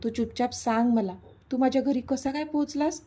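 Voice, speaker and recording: A woman voicing an excitable, fretful young woman in a read-aloud story, quick and exclaiming. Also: high voice, slightly rough. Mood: annoyed. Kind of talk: storybook reading.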